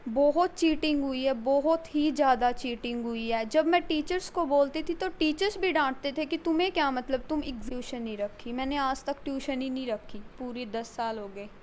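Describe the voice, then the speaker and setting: A teenage girl answers an interviewer's questions politely and plainly. Her voice is high, and the recording sounds dull and lo-fi. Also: normal speed, hardly any pauses, a little hiss or hum. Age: teens. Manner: polite, matter-of-fact answers. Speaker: student guest.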